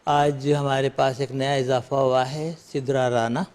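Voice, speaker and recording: A man hosting a lesson, patiently drilling the letters of the alphabet by saying them slowly and having them repeated back. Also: medium pitch, little pitch movement, a little mellow. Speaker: Urdu teacher and show host.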